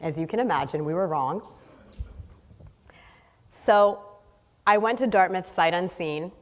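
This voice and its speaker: With a voice on the low side and a measured pace, the Haiti-born guest speaker delivers her earnest, story-driven keynote from a large hall's stage. She stresses each listed point emphatically, and long reverb from the hall trails her words.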